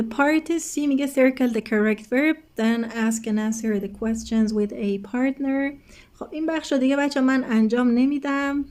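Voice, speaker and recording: A woman's voice: fairly high pitch, mellow. A woman teacher explaining an English textbook lesson step by step, patiently addressing her students.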